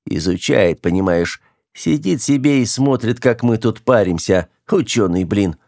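A curt, sardonic starship captain snapping out short replies, as a man reading an audiobook plays him a little above his low reading voice. The sound is close and dry. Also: lively intonation, a little slow, vocal fry, darkish tone, dry recording, full character voice. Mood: wry exasperated.

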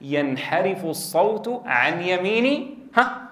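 High-voiced man teaching in an echoey room. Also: very animated, takes it slowly, a bit bright. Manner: explains and quizzes the class, drills sounds aloud. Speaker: Quran recitation teacher. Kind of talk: classroom lesson with drills.

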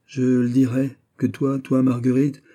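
A proud young marquise, widowed and quick to bristle, speaking higher and louder than a plain voice, as a man puts her on. She answers with stiff indignation. A dark, mellow tone lies underneath. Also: monotone, lightly acted. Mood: indignant. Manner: indignant, defensive.

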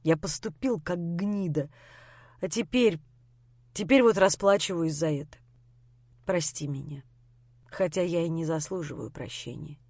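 A woman's voice: lowish voice, measured pace, pauses often, a little mellow, no echo. A woman reading the part of a bitter, injured young man who lashes out in harsh bursts of self-hatred. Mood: remorseful. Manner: harsh, self-hating outbursts.

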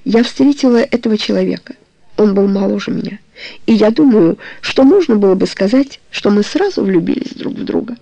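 An audiobook reader voicing a weary, ashamed middle-aged woman who confesses to her suitor in a low, hollow, bitter tone. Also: lively intonation, a little fast, gravelly, mellow, no room sound, poor audio. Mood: confessing.

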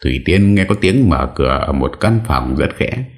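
Very deep-voiced male storyteller. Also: lively intonation, moderate pace. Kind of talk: scripted narration of a ghost story.

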